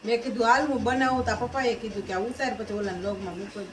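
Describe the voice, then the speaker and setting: A woman's voice: fairly high pitch, fairly even intonation, quick pace, a crowd in the background. Woman, short plain answers in a family chat, lots of voices around. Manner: brief, plain replies.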